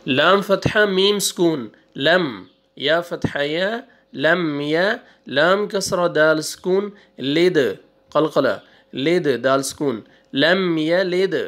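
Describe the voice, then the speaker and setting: A male Quran teacher spelling out syllables one by one, drawing out the recited words and giving quick asides between them. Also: a little high, a bit bright. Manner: slow drawn-out recitation, then quick asides. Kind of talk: spelling out syllables in a reading lesson.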